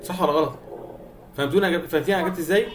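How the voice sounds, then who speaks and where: Fast-talking Egyptian tutor on a video call. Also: male voice, a little high, a little hiss or hum. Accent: Egyptian Arabic. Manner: patient, coaxing, keeps asking students if they follow. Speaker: online math tutor. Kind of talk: private online math lesson, mixing Arabic and English.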